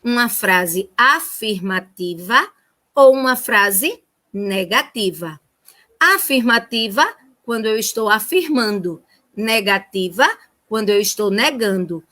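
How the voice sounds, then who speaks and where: A woman's voice: mid-range voice, lively intonation, slow, pushed and bright. A Brazilian woman teacher giving a remote lesson to first graders in a sing-song, child-directed way. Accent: Brazilian Portuguese.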